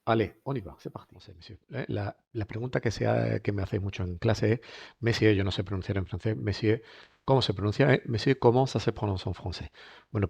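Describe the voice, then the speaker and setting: A man's voice: on the low side, gravelly, a little mellow, husky, no room sound, dull audio. A man teaching a French lesson in a chatty way, often asking rhetorical questions. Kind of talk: recorded lesson.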